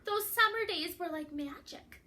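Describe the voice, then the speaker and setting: A woman with an extremely high-pitched voice reads a picture book aloud to young children at an unhurried pace, against a noisy background. As a read-aloud storyteller, she performs expressively, adding dramatic emphasis and asking the listeners questions.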